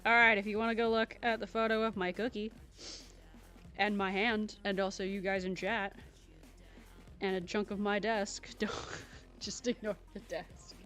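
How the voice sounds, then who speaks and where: A woman's voice: mid-range voice, level tone, normal speed, pauses often, fairly bright tone, soft background music. A young woman hosting a livestream, chatting casually and playfully with her viewers and laughing often. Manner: playful, giggly, chatting to viewers while eating. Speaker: livestream host.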